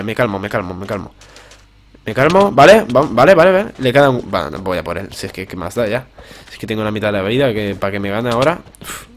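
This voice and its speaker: A young man from giving excited, tense gameplay commentary and repeating words rapidly. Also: medium pitch. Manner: tense, repeats words fast under pressure. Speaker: gaming youtuber.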